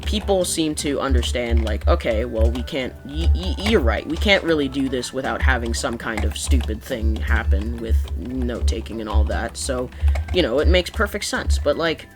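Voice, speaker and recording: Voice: mid-range voice, lively intonation, normal speed. A young adult complaining in an exasperated, sarcastic way while giving casual, rambling commentary over gameplay. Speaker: gaming video creator. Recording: music behind the voice.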